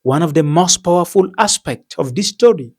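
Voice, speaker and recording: A man with a husky voice delivering scripted explanatory news commentary in a measured, formal, deliberate manner. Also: a little high, expressive, a little mellow.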